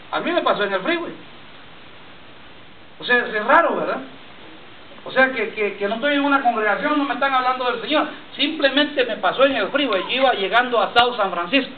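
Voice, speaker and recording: High-voiced preacher in an echoey church. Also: male voice, slight background noise. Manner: repetitive, addresses listeners as brother. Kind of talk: sermon with personal testimony. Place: church congregation. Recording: tinny lo-fi church recording from far off. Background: congregation responses.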